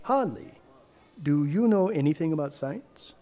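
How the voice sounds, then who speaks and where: An actor playing a stern, disdainful doctor with haughty, formal and indignant speech in an audio drama. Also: male voice, on the high side, expressive, a little slow, mellow. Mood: scornful. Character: stern, disdainful male doctor on review boards. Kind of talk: scripted comedy-horror audio drama.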